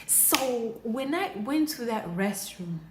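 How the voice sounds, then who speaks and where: Young woman, from Mozambique, casual storytime vlog, animated, filler-heavy, unhurried, echoey room, phone mic. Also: fairly high pitch, noisy background. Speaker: vlogger. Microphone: phone camera.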